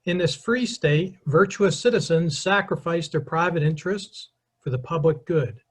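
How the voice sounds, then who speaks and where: A middle-aged man giving a brisk history lecture with slides, addressing the audience directly and explaining clearly. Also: on the high side.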